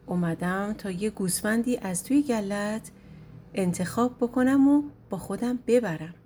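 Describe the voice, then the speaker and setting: A woman's voice: medium pitch, mellow, slight background noise, lightly acted. A woman voicing Azrael, a stern mocking angel of death. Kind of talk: storybook narration.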